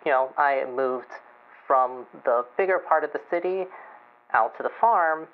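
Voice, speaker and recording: A woman plays a lonely, gentle chicken farmer calling in to a radio show, her low voice hesitant and halting with nervous chuckles. The call sounds muffled.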